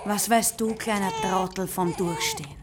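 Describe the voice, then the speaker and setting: A woman's voice: mid-range voice, lively intonation, normal speed, noisy background, lightly acted. An actress voicing a bitter, hardened young mother who speaks curtly and scornfully in a radio drama. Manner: curt, cold and scornful. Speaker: actor in a radio play.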